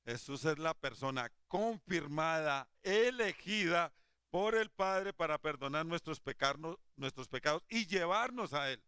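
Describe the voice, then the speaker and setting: Fervent male preacher, bright clear voice. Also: fairly high pitch, lively intonation, a little slow, no room sound, clean studio sound. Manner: fervent, rising to emphatic exhortations; drops to a soft, tender voice when quoting Jesus. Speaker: lay preacher. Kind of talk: sermon.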